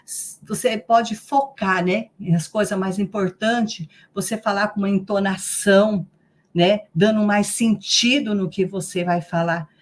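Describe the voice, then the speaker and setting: A middle-aged Brazilian woman leads a live training session in a relaxed, conversational way. She circles back over her points and keeps checking that her listeners follow. Her voice sits in a middle pitch. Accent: Brazilian Portuguese. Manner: conversational, repeats herself, asks "né?" often. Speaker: lecturer and trainer. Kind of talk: live online training talk.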